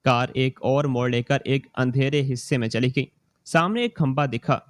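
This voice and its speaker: A man reading a scripted moral story in the first person, slow and steady. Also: mid-range voice, no echo.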